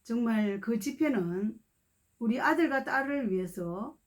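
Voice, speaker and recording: A woman's voice: on the high side, animated, unhurried. A woman guest preacher telling a testimony to her congregation, acting out the voices of the people in her story and speaking to the listeners directly. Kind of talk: testimony sermon.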